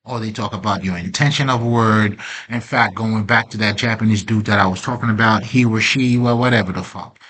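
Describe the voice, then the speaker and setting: A man's voice: fairly low pitch, fairly quick, a bit bright. A man hosting a self-help channel, talking in a rambling, streetwise way with lots of slang and fillers, laughing often and openly emotional. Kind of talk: casual spiritual monologue.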